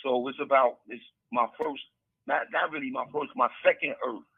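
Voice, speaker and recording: A middle-aged man speaks over a prison phone call, his husky voice squeezed thin by the tinny handset line. He rambles and repeats himself in relaxed street slang as he tells his story. The sound is dry and close. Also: medium pitch, moderate pace, dry recording. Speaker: interview guest, author. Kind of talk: casual storytelling interview. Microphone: prison telephone handset.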